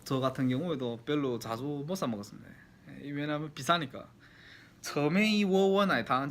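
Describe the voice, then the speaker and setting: A man's voice: mid-range voice, fairly bright tone. A man from Yanbian in China with a Yanbian Korean accent, chatting casually and politely to viewers as he reminisces. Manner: chatty, polite formal endings. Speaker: vlogger. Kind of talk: casual nostalgic storytelling to viewers.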